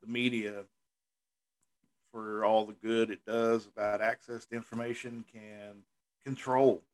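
Low-voiced man in reflective chat. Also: little pitch movement, measured pace. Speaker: co-host. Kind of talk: casual podcast chat.

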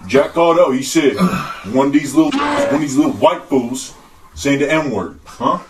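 A man's voice: medium pitch, animated, moderate pace, music in the background, lightly acted. A man playing a swaggering, menacing young tough guy who talks in boastful street slang, in an improvised podcast comedy bit. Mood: confrontational. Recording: roomy, distant mic, people chattering.

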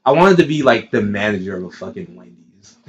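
A man's voice: lowish voice, sing-song, fairly quick, lo-fi sound. A man in his twenties co-hosting a podcast, chatting casually in a laid-back, slangy way and laughing often. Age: 20s. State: high on an edible. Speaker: podcast co-host. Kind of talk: casual chat.

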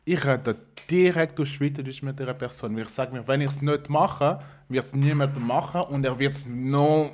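A man's voice: medium pitch, moderate pace, hardly any pauses. A man with a French accent, talking in a casual chat as a guest, hesitant and restarting often. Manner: hesitant, many restarts and fillers.

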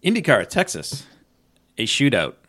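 A man's voice: mid-range voice, moderate pace, slightly rough. A man co-hosting a casual motorsport podcast, joking and restarting his sentences. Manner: lively, jokey, restarts a lot. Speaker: podcast co-host.

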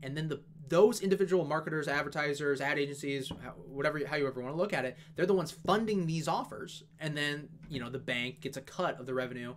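Guy rambling fast thru a stock breakdown, slightly high voice, lots of ums and side notes. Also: slight background noise. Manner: fast, loose, lots of fillers and asides. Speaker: investing video host. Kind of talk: casual stock analysis talk.

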